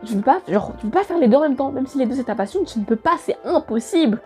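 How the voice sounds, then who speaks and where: A young woman talks fast through a casual year-in-review vlog, gushing about what she loved and cutting herself off mid-sentence. Her voice sits a little high but sounds mellow and dark. Soft music plays quietly underneath. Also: expressive. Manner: gushing, rambling, self-interrupting. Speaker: vlogger.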